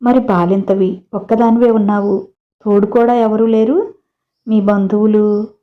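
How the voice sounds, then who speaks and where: A woman's voice: mid-range voice, steady tone, unhurried, lo-fi sound, close to an everyday voice. A woman voicing a kind middle-aged mother who asks practical, concerned questions, in a storybook reading. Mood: gentle.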